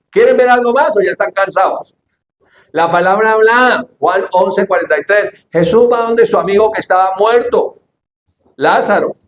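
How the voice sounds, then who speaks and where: A male pastor delivering an animated sermon, shouting the quoted lines and asking the congregation questions. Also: sits high, reverberant, a little hiss or hum. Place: church hall.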